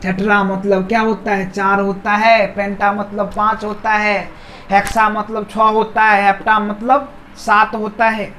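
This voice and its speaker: A woman's voice: medium pitch, fairly bright tone, a little hiss or hum, low-quality recording. A woman teaching an English grammar lesson who repeats key words and keeps asking her viewers questions. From India. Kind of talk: explaining a lesson.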